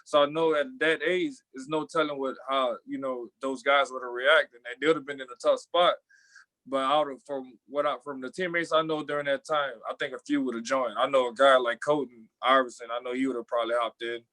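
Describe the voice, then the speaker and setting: A man's voice: mid-range voice, steady tone, fairly quick, pushed and bright, no room sound, low-quality recording. A young man, a former college athlete, talking thoughtfully in a panel discussion, often restarting his sentences.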